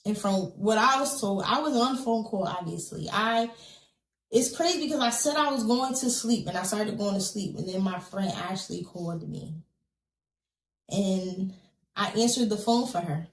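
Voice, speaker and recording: A woman guesting on a podcast earnestly tells a personal story in vivid detail, acting out what others said and dropping in plenty of casual fillers. Her mid-range voice moves at normal speed, and the rough recording has a roomy sound.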